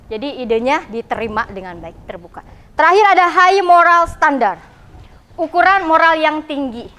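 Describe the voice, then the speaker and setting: Female teacher, West Javanese accent, high voice, class lesson, checks in with students constantly. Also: fairly bright tone. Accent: West Java. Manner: questions the class, frequent "ya" and "gitu". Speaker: vocational school teacher.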